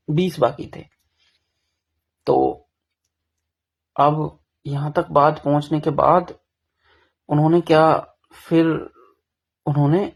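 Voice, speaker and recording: Gravelly young man, frank confessional storytelling. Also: a little high, a little mellow. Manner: frank, self-deprecating, rambling with restarts. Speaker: vlogger telling his trading story.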